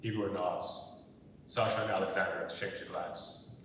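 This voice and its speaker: The stage directions of a screenplay are read out by a man whose voice is steady, slightly bright, and at a normal pace. The mic sits far from him in an echoey hall, picking up a rumble.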